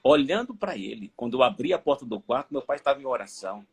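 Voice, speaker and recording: Middle-aged male pastor, emphatic storyteller, lively pitch, mid-range voice. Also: fast talker, a little hiss or hum. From Aracaju, Brazil. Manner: animated storytelling, emphatic repetition. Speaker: pastor, guest. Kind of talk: personal testimony in a live interview.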